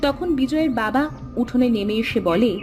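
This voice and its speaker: A woman giving scripted storybook narration for a cartoon in a steady storytelling manner. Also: on the high side, normal speed, over music.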